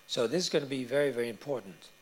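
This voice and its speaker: A man answering audience questions at a conference, explaining points in a measured way with frequent hesitations. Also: medium pitch, expressive.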